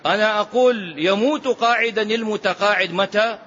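A man's voice: high voice, normal speed, a bit bright, a little hiss or hum. A man, a sheikh, giving a classical religious lesson and explaining texts, often asking his listeners a rhetorical question. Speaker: sheikh teaching a hadith book. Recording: slightly dull lo-fi recording.

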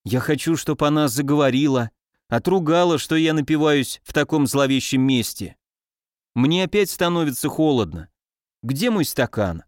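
A man voicing a moody drunk young man who swings between tears and wild excitement. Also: fairly high pitch, normal speed, dry recording, clean studio sound, close to an everyday voice. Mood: tearful. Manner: excitable, exclaiming.

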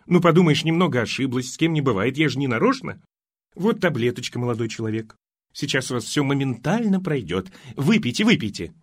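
A man voicing a fussy, scatterbrained elderly mother in an audiobook, talking in a high, rambling, emphatic way. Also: lively intonation, a little fast, husky, dry recording, clean studio sound. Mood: fussing. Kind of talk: audiobook character voice.

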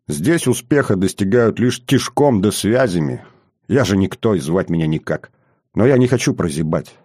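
A man's voice: low voice, darkish tone, breathy edge, dry recording, studio quality. A man voicing a bold, bitter young officer in an audiobook, speaking bluntly and earnestly. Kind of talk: audiobook character reading.

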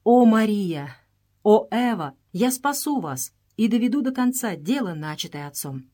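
A woman's voice: medium pitch, expressive, moderate pace, natural voice. A woman reading the lines of a bold young English adventurer in an audiobook, in a firm, resolute voice.

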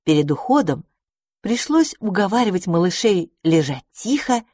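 A woman narrating a children's story in an expressive, animated way. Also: fairly low pitch, moderate pace, dry recording. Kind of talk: audiobook story reading.

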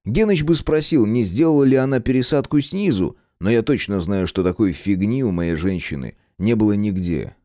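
Wry, low-voiced male audiobook narrator. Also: lively intonation, normal speed, few pauses, warm tone, dry recording, studio quality. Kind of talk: first-person scripted narration.

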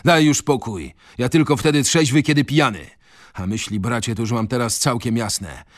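A man reading aloud and voicing a desperate, reckless young drunkard, with loud, urgent outbursts in a raised voice. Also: medium pitch, normal speed, dry recording, clean studio sound, natural voice. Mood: defiant.

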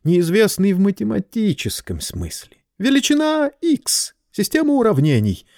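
Man voicing a shrill indignant schoolteacher. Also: wildly swooping pitch, normal speed, a little mellow, dry recording, studio quality, exaggerated voice. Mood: pedantic. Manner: high strained indignant protests. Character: prim educated male schoolteacher, indignant and bewildered.

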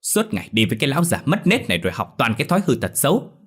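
A man voicing an angry middle-aged village father who scolds loudly and fast, in a storybook reading. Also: medium pitch, wildly swooping pitch, breathy edge, pitched above the performer's own voice, heavily acted. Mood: furious. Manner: shouting, rapid scolding.

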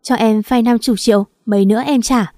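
A woman's voice: on the high side, steady tone, fairly quick, a little mellow, no echo, clean studio sound, natural voice. A woman voicing a scheming young pregnant sister-in-law who talks in a wheedling, fake-friendly way.

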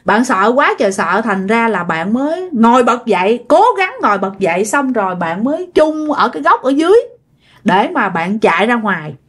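A woman telling a ghost story in a chatty, animated way, speaking directly to her listeners. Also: fairly high pitch, normal speed. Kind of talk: casual ghost story narration.

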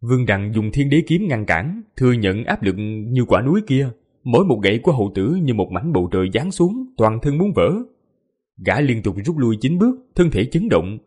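A man's voice: medium pitch, darkish tone, breathy edge. A man narrating a fantasy martial epic as an audiobook, vivid and emphatic. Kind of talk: dramatic fantasy novel narration.

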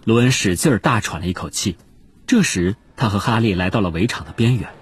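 A man narrating an audiobook with expressive storytelling. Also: on the low side, fairly quick, slightly rough, dry recording. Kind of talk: scripted narration.

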